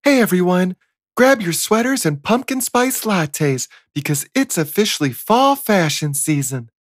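A man doing a high, bubbly girlish voice. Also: very animated, unhurried, no echo, studio quality. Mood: upbeat. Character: man raising his voice toward a young woman's. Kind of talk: demo voiceover read.

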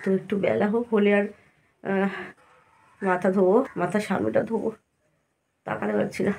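A woman's voice: medium pitch, level tone, moderate pace, gravelly, slightly rough. A woman, sick with fever and a sore throat, talking tiredly in a casual village vlog. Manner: tired, soft, complaining. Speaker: vlogger.

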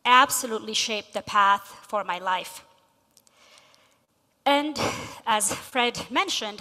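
A middle-aged woman from Ethiopia delivering a prepared speech on stage, measured with emphasis on key words. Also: fairly high pitch, sharp tone. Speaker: guest speaker. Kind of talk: prepared speech read from notes. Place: large convention hall stage. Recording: long reverb of a big hall.

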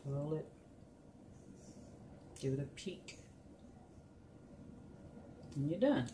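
A woman with a low, unhurried voice talks viewers through a recipe in casual, chatty asides. She is recorded in a home kitchen by a camera on the counter. Steady background noise runs under her voice. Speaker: cooking vlogger. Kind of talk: casual cooking tutorial. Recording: noisy home video.

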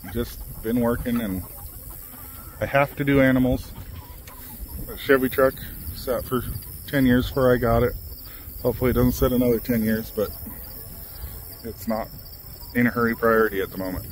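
A man's voice: mid-range voice, moderate pace, pauses often, slight background noise. Easygoing man vlogging farm chores. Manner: relaxed, rambling, lots of fillers. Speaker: vlog host filming his farm. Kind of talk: casual chat while doing chores. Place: outdoors on a ranch among chickens and cows.

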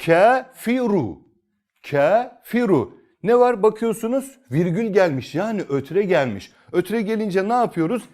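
A male Quran teacher giving a recorded lesson, his voice set a little high for a man. His pitch swings widely as he poses questions and answers them himself. He repeats each rule and stretches out his example recitations. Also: animated, moderate pace, few pauses, a little mellow. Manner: repeats key phrases and asks himself questions.

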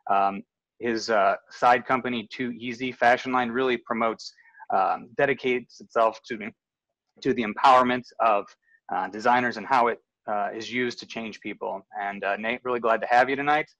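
A man's voice: mid-range voice, steady tone, moderate pace, a bit bright, no echo. A man in his thirties moderating a panel on a video call from home, talking casually with many fillers and restarts. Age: 30s. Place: home room with framed photos on the wall. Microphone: video call webcam, earbud. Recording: dull, dry video call audio.

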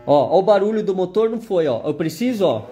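High-voiced man demonstrating sewing machines. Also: expressive, fast, warm tone, slight background noise. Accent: Brazilian Portuguese. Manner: chatty, repeatedly pointing things out to viewers. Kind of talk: live product demonstration.

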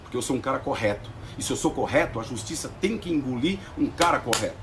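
A man's voice: medium pitch, expressive, quick pace, background noise. A Brazilian man delivering ranting vlog commentary on a TV clip, emphatic, slangy and defiant. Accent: Brazilian Portuguese. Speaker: vlogger reacting to a TV clip.

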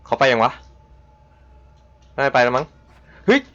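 A man's voice: mid-range voice, big pitch swings, measured pace, pushed and bright. A man streaming a horror game, muttering tensely to himself and yelping when startled. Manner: tense whispery muttering, sudden startled yelps. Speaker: gameplay streamer. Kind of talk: live reactions while playing a horror game. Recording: dull lo-fi sound with faint hiss.

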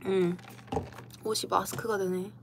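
A young adult woman with a Korean dialect accent, an idol streamer, chats casually with viewers from indoors over a computer livestream mic, playful and giggly as she answers comments. Her medium-pitched voice is flat and unhurried, and the background is noisy.

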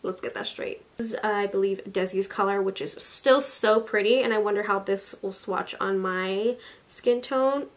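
In a small room at home, a beauty vlogger in her twenties talks through a makeup haul at medium pitch and a moderate pace. She gushes casually, scattering likes, fillers and excited exclamations. The camera sits at desk distance, a little away from her.

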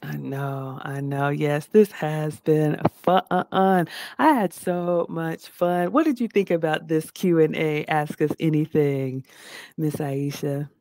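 A woman's voice: sits low, slow, no room sound. A woman co-hosting a casual livestream chat over a video call, reading out viewer questions. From Athens, Georgia, US South. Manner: reads viewer questions aloud, warm chatty. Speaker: co-host. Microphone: video call webcam.

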